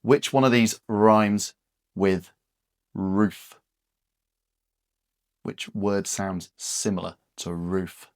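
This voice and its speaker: A man leads a guided therapy exercise in an unhurried, patient way, leaving room after each prompt. His voice sits fairly low. The recording is close and dry, with no room sound. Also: no echo. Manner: slow, patient, encouraging, with pauses. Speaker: speech therapist.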